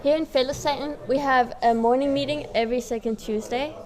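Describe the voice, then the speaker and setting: A woman's voice: high-pitched, fairly even intonation, brisk, a little mellow, soft background music. A young woman from Switzerland, a student giving a scripted school tour in a welcoming way. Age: young adult.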